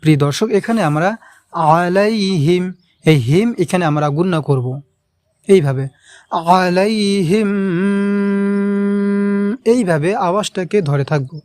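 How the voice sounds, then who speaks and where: A man leads a patient pronunciation lesson and stretches out every word as he repeats it. His voice sits high and comes through smooth and clear. The recording is dry and close. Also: normal speed, darkish tone, no echo. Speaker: Quran recitation teacher.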